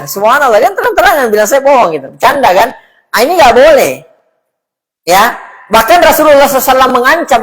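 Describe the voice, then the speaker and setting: Husky conversational preacher. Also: male voice, high voice, fairly bright tone, rough recording. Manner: conversational, mixes in Arabic recitation, asks audience questions. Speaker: Islamic preacher. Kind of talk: casual sermon.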